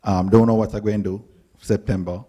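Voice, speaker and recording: A Jamaican man, a panel guest, telling animated stories and acting out quotes. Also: lowish voice, a little fast, husky. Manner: animated storyteller, acts out quotes. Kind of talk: storytelling panel talk.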